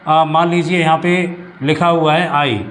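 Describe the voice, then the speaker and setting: A man teaching English grammar in a classroom-style lesson, explaining slowly and repeating himself often. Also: on the high side, fairly even intonation, a bit bright. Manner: explains slowly with many repetitions and restarts.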